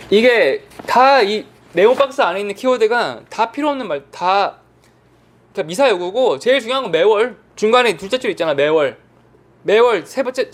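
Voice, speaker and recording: A man teaching an online insurance exam prep lecture, casually asking and answering his own questions. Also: high voice.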